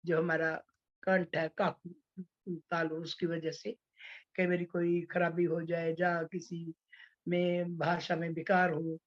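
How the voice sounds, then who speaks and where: Slow-speaking woman teaching Hindi poetics. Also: lowish voice, level tone, dull audio. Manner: slow, explanatory, with many fillers and restarts. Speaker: poetry teacher. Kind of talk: online class on Hindi poetics.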